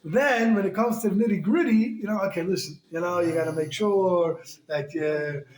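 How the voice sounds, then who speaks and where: A high-pitched man teaching a Torah class, lively and animated as he talks. He folds Yiddish and Hebrew terms into his English. The room around him is roomy and echoey. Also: moderate pace. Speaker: rabbi.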